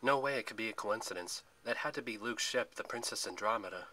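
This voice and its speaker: Male storyteller, expressive read-aloud, bright and forceful. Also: fairly low pitch, fast, rough recording. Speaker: narrator. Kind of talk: dramatic story narration.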